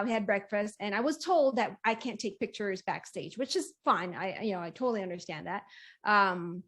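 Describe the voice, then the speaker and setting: Woman, interview guest, somewhat high pitch, conversational storyteller, smiley delivery. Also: a bit bright. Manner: smiles and laughs often. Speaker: wrestling ring announcer and commentator, interview guest. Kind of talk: casual interview chat, storytelling.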